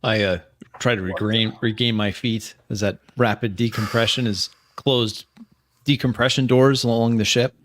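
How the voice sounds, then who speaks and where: A man's voice: medium pitch, fairly even intonation, moderate pace, a bit bright. A man playing a captain in a tabletop game, giving terse commands and narrating his own actions. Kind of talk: in-character role-play and action narration.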